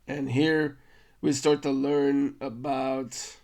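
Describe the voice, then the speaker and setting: A man's voice: medium pitch, little pitch movement, takes it slowly, darkish tone. A man hosting a podcast, recapping a film in a casual, rambling way, often stopping to correct himself. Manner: rambling, self-correcting, stammers on restarts. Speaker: podcast host.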